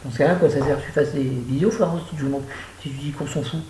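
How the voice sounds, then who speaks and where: Speaking quickly in a low, rumbling, dark voice, this older woman from France vlogs about books from home. Her talk wanders, is full of exclamations and self-mockery, and carries room echo plus a soft hum.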